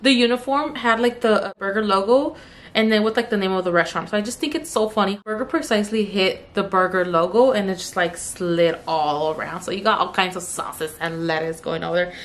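A woman's voice: mid-range voice, a little fast. A young woman chatting through a storytime while doing her makeup, full of "like" and laughing as she talks. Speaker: beauty vlogger.

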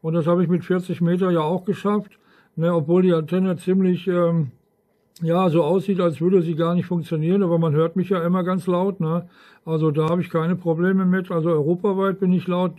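This amateur radio operator's voice is high-pitched yet dark in tone. He rambles casually over the air, frequently ending his sentences with tag questions.

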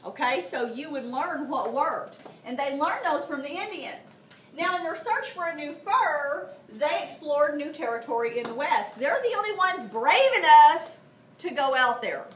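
A woman's voice: high-pitched, unhurried. A middle-aged woman, teaching a classroom history lesson and telling stories, often checking in with the students. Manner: animated storytelling, frequent "okay?" check-ins with students. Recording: roomy, from a distance, faint background noise.

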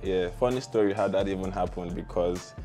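A young adult tech founder with a Nigerian accent sits as an interview guest in a small curtained studio, telling stories casually with informal slang. His voice is low, brisk and warm, with faint music behind him.

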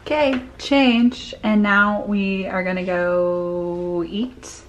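Speaking at an extremely slow pace, this young female vlogger keeps a steady tone in her mid-range voice while chatting brightly and stuffing her talk with fillers. She records on a handheld camera or phone while traveling by car and outdoors, so car noise and handheld roughness come through.

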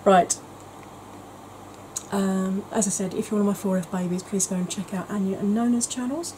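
In a home kitchen, a woman makeup vlogger chats casually and drifts off topic, rambling and poking fun at herself, sometimes going soft-spoken. Her voice sits at medium pitch with fairly even intonation and a moderate pace, with noise in the background.

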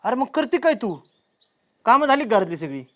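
A man's voice: very high-pitched, big pitch swings, brisk, sharp tone, dry recording, heavily acted. An actor playing a bossy village husband who nags and barks repeated orders at his wife. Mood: nagging. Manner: nagging, barking orders, repeats words. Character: bossy scolding village husband, middle-aged. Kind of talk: village short-film acting.

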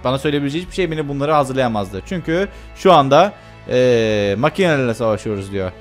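A man's voice: medium pitch, expressive, quick pace, faint music behind. A young man casually commenting on a video game while he plays, chatty and joking, with many filler sounds. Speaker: gameplay commentator. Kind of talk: casual let's-play commentary.

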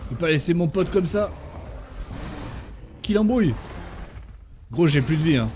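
Young man, gaming commentary, high voice, swings up and down a lot, excitable, slangy, faint hiss behind. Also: moderate pace. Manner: excitable, slangy, shouting at other players. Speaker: gaming streamer. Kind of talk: live gameplay commentary.

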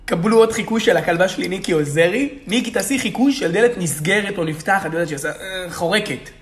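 Playful man teasing his dog. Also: high-pitched. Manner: playful, teasing, mixes languages. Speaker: dog owner. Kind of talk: casual talk to a pet. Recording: background noise.

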